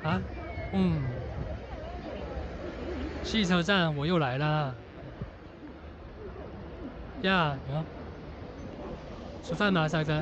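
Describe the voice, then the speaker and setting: A man with a fairly high voice talks offhand into a handheld phone camera as he walks an outdoor city square. He counts the stalls aloud and chats in a relaxed street-commentary way. Loud traffic and street noise fill the background. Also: drawn-out words, long pauses. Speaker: vlogger filming a street walk.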